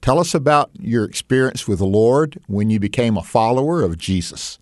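A man interviewing guests, asking questions in a gentle, reflective way. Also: mid-range voice, animated, normal speed, no room sound, studio quality.

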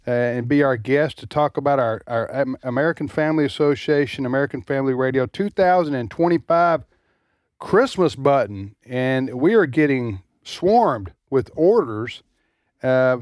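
A man hosting casual talk radio in a studio, folksy and halting, often repeating words. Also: mid-range voice, lively intonation, darkish tone, dry recording. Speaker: radio host, ministry president.

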